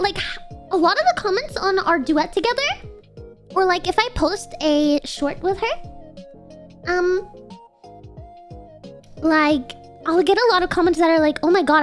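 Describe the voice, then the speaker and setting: A young adult woman with a nasal, girlish voice, chatting casually and excitably to livestream viewers in a cute anime-streamer manner. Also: extremely high pitch. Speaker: VTuber livestreamer.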